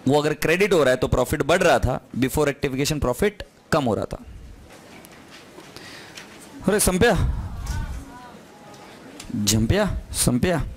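A man's voice: a little high, a little hiss or hum. A man teaching accounting to a class, firm and teasing, switching between Hindi and English. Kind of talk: recorded classroom lecture.

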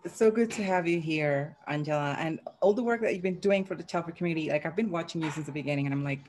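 A woman co-host with a notably low voice asks her guest questions over a video call. She sounds encouraging and supportive. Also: fast, a little mellow, slight background noise. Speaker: podcast co-host. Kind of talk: casual video-call conversation.

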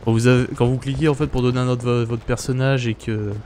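A man's voice: mid-range voice, little pitch movement, fast talker, darkish tone, a little hiss or hum. A young man giving casual live gameplay commentary as a streamer. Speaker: game streamer. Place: indoors at a gaming setup. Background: faint game music.

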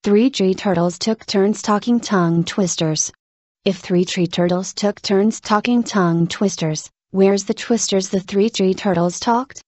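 Woman, mid-pitched voice, careful articulation, scripted tongue twister recitation, dry sound. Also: unhurried, a little mellow, no echo.

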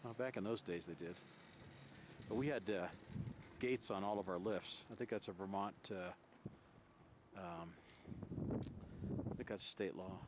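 A man filming a friend as they ski, chatting on the chairlift and loudly urging him down the hill. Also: low voice, unhurried, pauses often. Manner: urges on loudly, coach-like. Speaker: skier filming a friend on the slopes. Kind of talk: casual chat and shouted encouragement. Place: outdoor ski slope and chairlift in a snowstorm. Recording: heavy wind noise on an outdoor camera mic.

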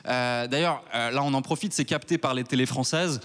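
On a large theater stage before a live audience, a Swiss stand-up comedian in his thirties works a handheld mic. His medium-pitched voice moves briskly from wry self-mockery up to loud mock outrage.

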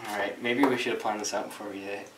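A young man chats and jokes at himself while cooking at home. He sounds excitable and self-mocking. He is recorded from a camera across an echoey room, with noise behind him. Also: on the low side, racing. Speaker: host cooking. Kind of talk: casual joking chat. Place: home kitchen. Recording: echoey kitchen, distant camera, noisy.

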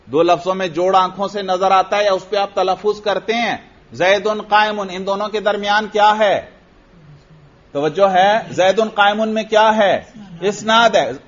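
A man with a fairly bright, high-sitting voice and a Pakistani Urdu accent teaches an Arabic grammar class in a classroom lecture. He explains step by step, recites example phrases, and keeps asking his students questions. The sound is lo-fi.

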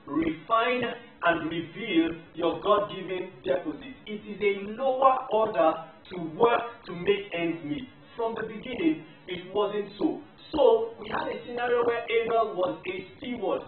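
A man giving a motivational faith teaching, emphatic and repeating key phrases in lists. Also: high-pitched. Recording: tinny, roomy, distant mic with faint music.

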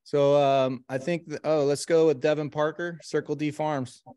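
Man hosting a video call meeting, clear smooth voice, dry sound, easygoing and halting. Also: on the high side, dry recording. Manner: relaxed, halting with fillers. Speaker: meeting host, co-op vice president. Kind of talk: casual online meeting.

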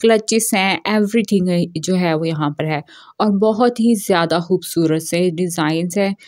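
A woman's voice: on the low side, moderate pace, a little mellow, no echo, clean studio sound. A young woman, chatting casually and joking as she walks through a shopping mall with her phone camera. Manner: chatty, jokey, laughs often between remarks. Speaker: shopping vlogger. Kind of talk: casual walk-through vlog. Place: indoor shopping mall, walking through aisles.

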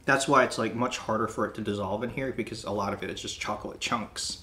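A man's voice: on the low side, fast, bright, forceful tone. A man co-hosting a snack taste-test video in casual chat, joking and laughing often. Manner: playful, laughs often, jokey.

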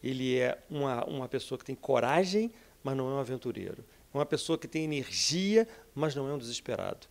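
Brazilian businessman in his 50s, gravelly, keeps asking "right?", handheld mic in an office. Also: mid-range voice, a little fast, few pauses. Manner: energetic, persuasive, frequent tag questions. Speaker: software entrepreneur and speaker. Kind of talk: interview answers. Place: office with bookshelves, indoors. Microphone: handheld interviewer mic.

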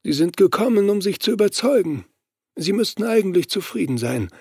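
A male audiobook reader voicing a sinister cursed man who is slowly turning into a ghost, speaking softly and slowly with an eerie grin. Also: sits high, big pitch swings, vocal fry, breathy edge, dry recording, studio quality, voice pushed up, heavily acted. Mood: menacing. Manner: soft, slow, creepy whispering tone.

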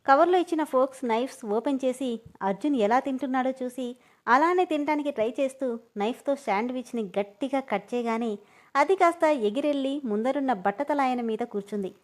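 A woman narrating a story in a steady, expressive reading voice. Her pitch sits a little higher than usual for a woman, and the delivery stays even and clear from line to line. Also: fairly quick.

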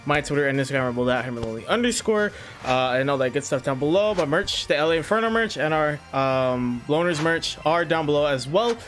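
A man's voice: on the high side, lively intonation, brisk, fairly bright tone, soft background music. Chatty young man hosting a gaming channel. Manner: chatty and scattered, many fillers. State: slightly out of breath. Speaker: YouTube gaming channel host. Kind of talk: casual gameplay commentary.

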